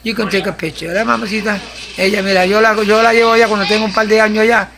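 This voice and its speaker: High gravelly older man preaching. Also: flat delivery, fast, background noise. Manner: preachy, mixes Spanish and English. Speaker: grandfather. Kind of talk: casual home video talk. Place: home.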